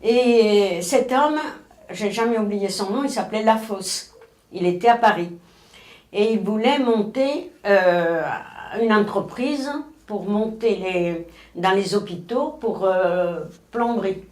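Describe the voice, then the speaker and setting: Elderly woman from Spain, nineties, mid-pitched voice, halting and rambling, recorded in a roomy space. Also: a little mellow. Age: 90s. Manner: rambling, many restarts and self-corrections. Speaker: interviewee. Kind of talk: oral history recollection. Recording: roomy, echoey room.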